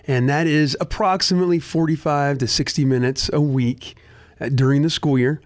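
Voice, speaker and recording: A man's voice: fairly high pitch, fairly even intonation, normal speed. Earnest man talking casually. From United States. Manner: earnest, many restarts. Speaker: nonprofit director, guest. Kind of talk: casual radio talk.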